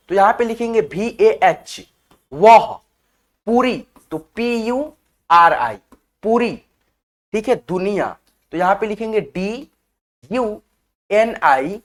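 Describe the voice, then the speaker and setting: A woman teaching spelling, walking her viewers through each word one letter at a time. Her pitch sits in an ordinary middle range, and she keeps pausing to make sure her viewers are following along. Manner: keeps checking in with the viewers as friends. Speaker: online teacher. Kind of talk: step-by-step spelling lesson.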